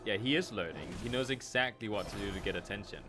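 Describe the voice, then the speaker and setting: A man's voice: fairly low pitch, animated, fast talker. A playful man chats on a gaming live stream, joking at his own lines and fussing at his pet. His voice swings up and down a lot, and faint game music plays behind him. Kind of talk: casual live-stream chat while gaming.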